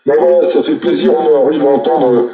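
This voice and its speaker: A man's voice: on the high side, fairly even intonation, brisk, phone-quality sound. Man on a distant, roomy CB radio. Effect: heard over a CB radio link. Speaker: CB radio operator. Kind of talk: casual radio chat passing turns.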